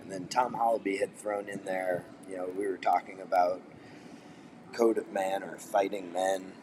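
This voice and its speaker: A man with a fairly low voice chats casually and haltingly as a co-host. He sits a bit off the mic, with clear coffee house noise around him. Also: fairly even intonation, far from the mic. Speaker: co-host reading viewer comments. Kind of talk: casual chat.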